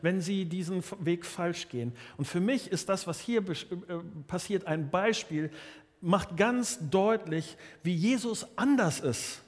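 A man's voice: high voice, a little slow, big-room sound. A man preaching a sermon earnestly, often restarting and repeating his words. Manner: earnest, many restarts and repetitions.

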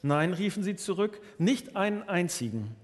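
A man's voice: sits high, big pitch swings, moderate pace, long reverb tail. A man preaching a sermon earnestly, often restarting and repeating his words. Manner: earnest, many restarts and repetitions.

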